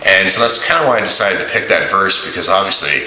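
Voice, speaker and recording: A man giving a casual, rambling video diary in a halting, informal way, recorded in a big echoey room. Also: sits low, pushed and bright. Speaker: vlogger and volunteer preacher on a mission trip. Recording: echoey room, big echo, audible hiss.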